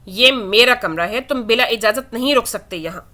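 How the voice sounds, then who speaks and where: A stubborn, emotional young woman in a read-aloud romance, proud and quick to hurt, as a woman reader puts her on. The voice is fairly high and bright. It is delivered as simple storybook reading. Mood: defiant. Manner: defiant, then tearful and pleading.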